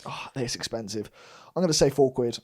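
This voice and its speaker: A young British man co-hosts a relaxed podcast, laughing often and telling stories with energy. His voice sits in a middle pitch. He sounds at ease with his friend. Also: brisk, breathy edge. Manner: laughs often, animated storytelling. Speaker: podcast co-host. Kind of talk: casual chat.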